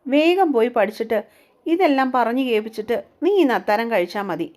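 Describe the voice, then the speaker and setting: Woman doing a gruff young guy in a story, scolds bluntly, kinda high-pitched. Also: lively intonation, a little mellow, close to an everyday voice. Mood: stern. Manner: blunt, scolding, quickly irritated. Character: young man, stern and gruff tutor.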